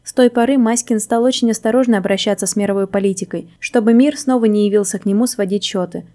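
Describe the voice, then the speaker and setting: Woman reading a fairy tale aloud, mellow and warm, wry even tone. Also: medium pitch, fast talker. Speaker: audiobook narrator. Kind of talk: storybook reading.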